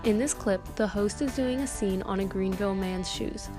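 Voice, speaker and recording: A young woman, a student, reading a clear, explanatory narration for a class presentation. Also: medium pitch, normal speed, music in the background. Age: young adult.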